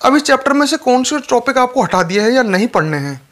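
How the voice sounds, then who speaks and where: A man's voice: extremely high pitch, big pitch swings, fast, a bit bright. A male chemistry teacher lecturing students, repeating each point and speaking to them directly. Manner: repetitive, instructive, addresses students directly. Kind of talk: classroom lecture.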